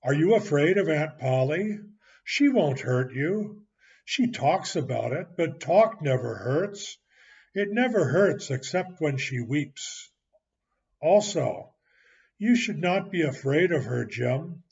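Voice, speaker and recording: A man's voice: fairly high pitch, lively intonation, slow, vocal fry, a little mellow, exaggerated voice. A man doing a sly persuasive boy. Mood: coaxing. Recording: muffled lo-fi recording.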